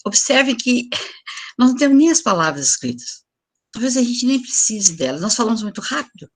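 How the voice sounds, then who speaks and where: Older woman lecturing, husky voice. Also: on the high side, very animated, brisk. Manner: explanatory, asks for the next slide. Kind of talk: online lecture to teachers. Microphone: video call.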